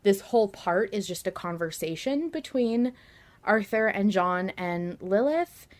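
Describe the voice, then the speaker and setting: Expressive and a little slow, her medium-pitched voice carries casual fan discussion of an audio drama on her podcast. The host speaks in earnest, emphatic, run-on thoughts about the story she follows.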